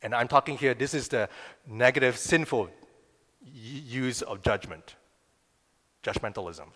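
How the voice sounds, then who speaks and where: A man's voice: medium pitch, measured pace, a bit bright. Man preaching in a reverberant hall. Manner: conversational, asks the crowd "right?" often. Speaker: pastor. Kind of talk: sermon. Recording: long reverb of a big room.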